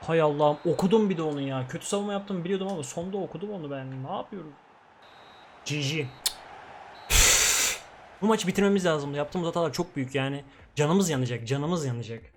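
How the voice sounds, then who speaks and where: A young man streaming a football video game, commenting live, swinging from grumbling to excited shouting. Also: on the high side, brisk, a little hiss or hum. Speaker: gaming streamer.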